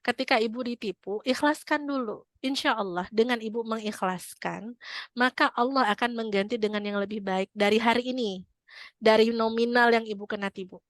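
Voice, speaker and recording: A woman teaching a religious study session in a friendly, conversational way, slipping into Arabic phrases as she goes. Her voice sits fairly high. The recording is close and dry. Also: normal speed, no echo. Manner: conversational, mixing casual speech with Arabic phrases; acts out prayers and quotes with feeling.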